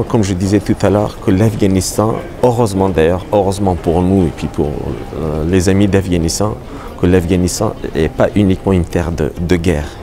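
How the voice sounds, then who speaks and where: A middle-aged painter from Afghanistan speaking with an Afghan accent, halting with many fillers and restarts, in an on-camera interview in a gallery. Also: male voice, deep voice. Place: art gallery hall. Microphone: lapel mic.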